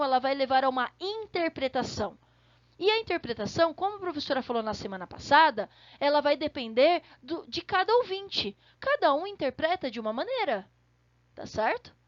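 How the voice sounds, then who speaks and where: A woman's voice: sits high, no echo, lo-fi sound. A woman teacher giving an online lesson, explaining step by step and often checking in with the class. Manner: explanatory, checks in with frequent tag questions.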